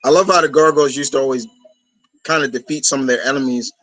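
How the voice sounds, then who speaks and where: A man's voice: medium pitch, steady tone, fast talker, a bit bright, rough recording. A man from New York hosting a fan discussion, chatting casually in a rambling, enthusiastic way. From New York, United States. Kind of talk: casual chat.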